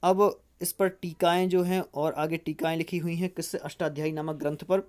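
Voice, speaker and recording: A teacher giving an exam-prep grammar lecture, asking and answering their own questions and repeating each rule slowly so students can memorize it. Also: mid-range voice, level tone, a little mellow.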